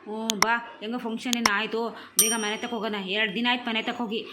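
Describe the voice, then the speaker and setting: A woman's voice: fairly high pitch, level tone, very fast, very noisy, close to an everyday voice. A woman voicing a quarrelsome homeowner in a cartoon comedy, scolding and cursing her neighbours. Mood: hurried. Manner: scolding, shouting curses at neighbours.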